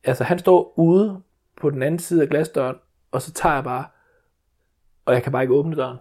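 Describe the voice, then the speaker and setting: A man's voice: fairly high pitch, a little mellow. A man, telling a story as a father in casual chat, rambling with many restarts and fillers.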